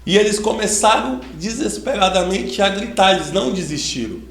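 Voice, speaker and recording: A man giving a sermon to a congregation, who starts with slow prayer and grows more fervent as he preaches. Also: high-pitched, animated, gravelly, slight background noise. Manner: prays slowly, then preaches with rising fervor. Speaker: lay preacher. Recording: echoey room with faint ambience.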